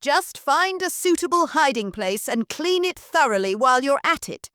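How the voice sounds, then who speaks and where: A woman's voice: sits high, big pitch swings, measured pace, no echo, clean studio sound, pitched above the performer's own voice. A woman voicing a haughty, bossy social-climbing lady of the house who snaps out orders. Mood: haughty, snappish. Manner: snappish, bossy, prim.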